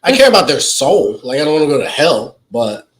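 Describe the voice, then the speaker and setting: A man's voice: medium pitch, big pitch swings, a little fast. Young guy cohosting a chill podcast, playful and teasing, voice bounces all over. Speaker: podcast co-host. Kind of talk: casual couple's podcast chat.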